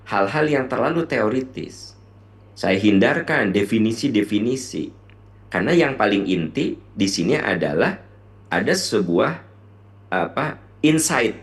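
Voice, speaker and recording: A young man gives a teaching talk to other lecturers, his voice sitting low but swinging widely up and down. He keeps throwing rhetorical questions at the listeners and slips English terms into his speech. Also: fairly bright tone. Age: young adult. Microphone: online session mic.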